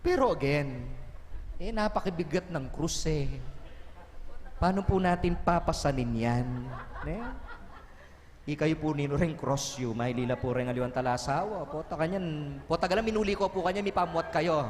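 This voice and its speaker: Priest preaching in a reverberant church. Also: male voice, a little high, a little hiss or hum. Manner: mixes Tagalog, Kapampangan and English, slows for emphasis. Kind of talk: sermon. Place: parish church.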